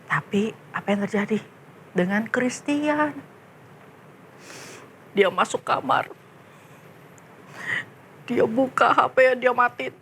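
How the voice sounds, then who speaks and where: Young woman doing a kids sermon, high voice, slow and lively, faint noise behind. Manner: animated, addressing children directly. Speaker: children's church teacher. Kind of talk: children's sermon storytelling.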